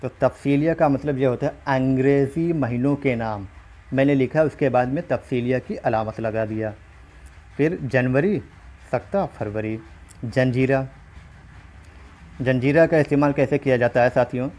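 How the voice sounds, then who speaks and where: A man with a mid-range, slightly mellow voice teaches an online exam-prep lesson at a moderate pace, explaining step by step and often checking in with his listeners. He's recorded while writing on a screen.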